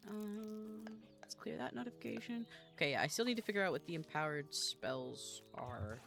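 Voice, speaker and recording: A streamer chatting casually with viewers while playing, giggly and quick to apologize. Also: medium pitch, expressive, creaky, a bit bright, faint music behind. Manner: chatty, giggly, self-deprecating, talks to chat while playing. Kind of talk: casual game-streaming chat.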